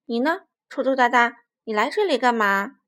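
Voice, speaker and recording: A woman voicing a big, lonely T-rex who is gruff yet gentle, in a children's storybook. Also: a little high, expressive, moderate pace.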